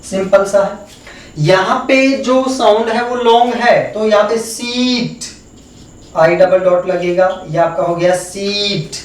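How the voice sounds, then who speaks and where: Slow, echoey Hindi-accented male teacher. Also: high-pitched. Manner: slow and explanatory, repeating words and sounds one by one. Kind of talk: phonetics lesson for exam students. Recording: echoey room, voice from far off the mic.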